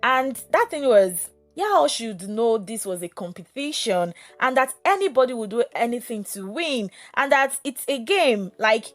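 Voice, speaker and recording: A chatty woman with a Nigerian accent, speaking in a slightly higher voice. Her talk is gossipy and loose, full of fillers. Soft music plays faintly underneath. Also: lively intonation, a little slow, few pauses. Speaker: vlogger recapping a reality show. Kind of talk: casual chat.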